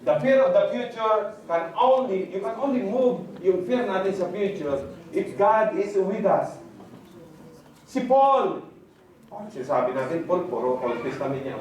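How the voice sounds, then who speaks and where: A man's voice: on the high side, darkish tone, slight background noise. A male pastor delivering a sermon, switching between Tagalog and English and acting out the words of God and Bible figures with sudden rises and drops. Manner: preaching in mixed Tagalog and English, voicing God and prophets dramatically. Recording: echoey hall from far off, faint ambience.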